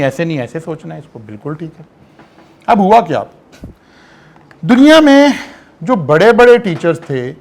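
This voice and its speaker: High-voiced male lecturer. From Pakistan. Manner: explanatory, checks in with rhetorical questions. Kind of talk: online classroom lecture.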